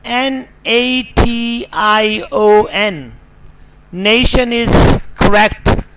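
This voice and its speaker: Slow, deliberate Pakistani English teacher. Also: male voice, sits high, steady tone, noisy background. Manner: slow and deliberate, spells words letter by letter. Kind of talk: scripted pronunciation lesson.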